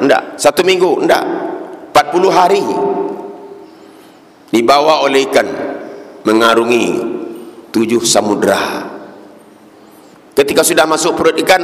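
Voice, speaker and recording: A man, preaching a slow, rhythmic Ramadan dawn sermon in a mosque, sometimes slipping into soft, pleading prayers. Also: mid-range voice. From Indonesia. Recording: echoey, reverberant mosque hall.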